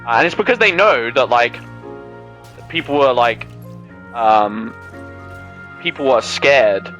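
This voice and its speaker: A young man hosting a gaming channel, chatting casually over gameplay in animated, rambling rants full of swearing and filler words. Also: medium pitch, slow pace, highs cut off, soft background music.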